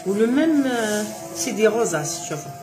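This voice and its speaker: A woman's voice: mid-range voice, big pitch swings, a little fast, music in the background, poor audio. A woman with an Algerian Arabic accent hosts a home cooking demonstration. She keeps telling viewers to look as she works, and mixes French words into her speech. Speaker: cooking show host.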